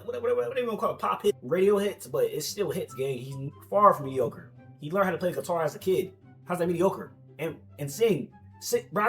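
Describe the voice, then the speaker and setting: A young American man reacts to online posts in a slightly high voice, talking very quickly. His delivery is casual and slangy, argumentative and repetitive, as he keeps pressing his point. Music plays behind him. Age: young adult. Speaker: commentator reacting to social media posts.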